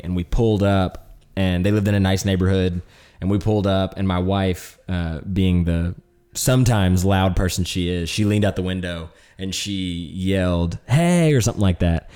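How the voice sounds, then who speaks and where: Brief: male podcast co-host, low warm voice, reflective and steady. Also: clean tone. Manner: reflective, leads into questions. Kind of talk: casual faith podcast chat.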